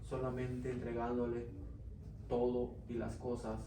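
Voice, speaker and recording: A man's voice: medium pitch, monotone, measured pace. A man giving an earnest Sunday school testimony in church, often calling his listeners brother. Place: church classroom. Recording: echoey room, mic far off, faint noise.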